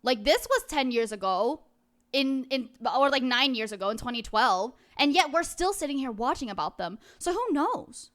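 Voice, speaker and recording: High, bright-voiced cutesy woman livestreamer. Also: expressive, moderate pace. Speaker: livestreamer, VTuber. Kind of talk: casual livestream chat with viewers.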